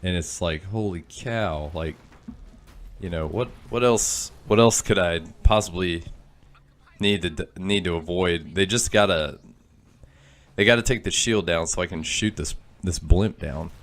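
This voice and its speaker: A young man from Kansas who hosts a gaming channel speaks in a low, slightly slow voice that sounds stuffy and nasal. He rambles loosely through let's-play commentary, full of fillers and self-deprecating asides.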